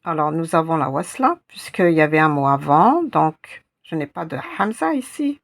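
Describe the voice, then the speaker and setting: Woman, language teacher, slow patient delivery, gravelly husky voice, lowish pitch. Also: lively intonation. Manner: patient, repeats sounds syllable by syllable. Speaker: Arabic teacher. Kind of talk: slow step-by-step lesson.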